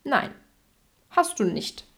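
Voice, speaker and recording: A woman voicing a calm, friendly big male dog in a storybook reading. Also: takes it slowly, slight background noise.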